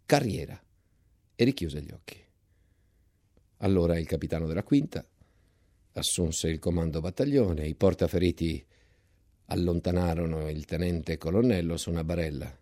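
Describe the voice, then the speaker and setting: A man reading a novel aloud in a measured, dramatic storytelling style, recorded in a radio studio. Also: lowish voice, mellow, no echo. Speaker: reader of a novel. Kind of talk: scripted literary reading.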